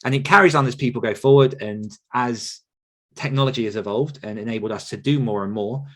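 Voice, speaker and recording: Fairly quick and a little bright, his medium-pitched voice carries a relaxed Q&A session. As a podcast host and author coach, he answers thoughtfully, groping through sentences and fixing them mid-stream.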